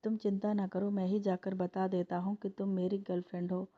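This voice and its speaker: A playful, affectionate young man, voiced by a woman narrator teases his girlfriend in a storybook reading. The delivery keeps a narrow, level pitch. The recording sounds dull and lo-fi. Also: little pitch movement, a little fast, lightly acted. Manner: teasing, affectionate.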